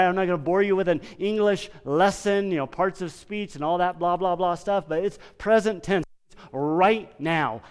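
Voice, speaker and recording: Unhurried preaching man in a reverberant church. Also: sits high, clear, resonant tone. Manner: conversational preaching with dramatic pauses and swelling emphasis. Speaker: pastor. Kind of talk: sermon. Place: church sanctuary. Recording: long reverb of a church hall.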